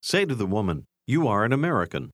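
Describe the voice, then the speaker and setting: A man narrating a language course, giving clear scripted prompts to listen and repeat. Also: fairly low pitch, big pitch swings, fast talker, dry recording, clean studio sound. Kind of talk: scripted instruction.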